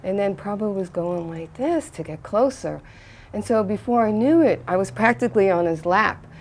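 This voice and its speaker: An older woman recounts a cherished personal memory. Her speech is earnest and halting, full of restarts, and it jumps into bursts of excitement. Her voice sits in an ordinary middle pitch. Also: a little hiss or hum. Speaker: devotee recalling a memory. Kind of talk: personal anecdote.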